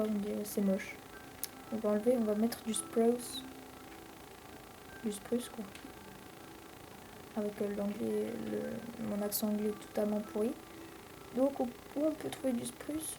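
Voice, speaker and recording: Une jeune femme à l'français commente sa partie de jeu vidéo sur un ton décontracté et bavard, avec beaucoup d'hésitations. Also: female voice, a little high, little pitch movement, a little slow, creaky, long pauses, noisy background. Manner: rambling, chatty, many fillers. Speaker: let's play host. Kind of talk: casual gameplay commentary.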